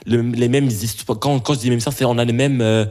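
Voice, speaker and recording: A young man from Belgium answering interview questions, halting and full of restarts and fillers. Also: mid-range voice, steady tone, darkish tone.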